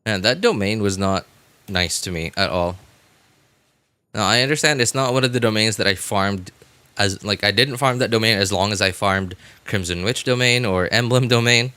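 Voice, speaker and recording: This male gaming streamer talks with a fairly low, bright, forceful voice at a moderate pace, and the sound is clean with no echo. He keeps things laid-back, chatting informally with his viewers and murmuring remarks to himself as he plays.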